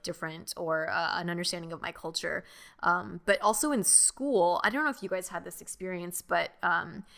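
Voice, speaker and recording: A woman's voice: on the low side, creaky, sharp tone. A young woman co-hosting a podcast, reflectively recounting childhood memories in casual talk with many fillers. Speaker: podcast co-host. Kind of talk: casual chat.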